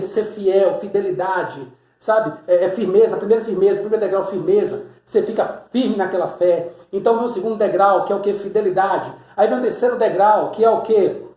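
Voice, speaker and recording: A man's voice: sits high, dark tone. A man from Salvador, Bahia, preaching a teaching sermon, explaining symbols on a board step by step and posing rhetorical questions. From Salvador, Bahia, Brazil. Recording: echoey room.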